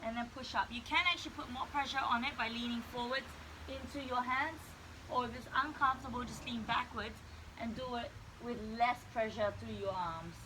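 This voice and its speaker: A woman's voice: fairly high pitch, fairly even intonation, fairly quick, background noise. A woman instructing a guided stretching workout, explaining each movement step by step.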